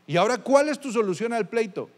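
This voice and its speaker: Pastor guy preaching, kinda high voice, asks the crowd stuff, big echoey church hall. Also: lively intonation, quick pace. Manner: conversational preaching, addresses listeners directly with questions. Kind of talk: sermon. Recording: long reverb of a large hall.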